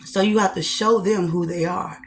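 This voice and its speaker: A woman with a lower-set voice talks to her viewers while she eats on camera. She keeps it casual and folksy, repeats her phrases and drifts into preachy asides. A faint hum sits under her voice. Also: steady tone, moderate pace. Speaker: vlogger.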